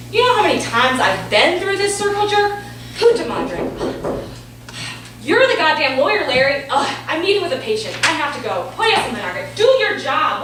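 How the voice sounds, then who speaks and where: A woman playing a brash, evasive oncologist in a staged play, with an emphatic, theatrical delivery. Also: high voice. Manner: theatrical, emphatic, switching to stiff medical jargon. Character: brash, foul-mouthed woman oncologist, evasive and clinical with patients. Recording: very echoey room, distant mic, faint noise.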